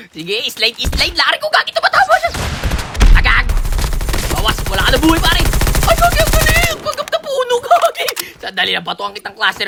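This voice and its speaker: Excitable high-voiced woman gaming commentator. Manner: excitable, laughing and shouting. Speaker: gaming streamer. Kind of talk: live gameplay commentary. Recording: noisy game audio with gunfire. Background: game gunfire and clicks.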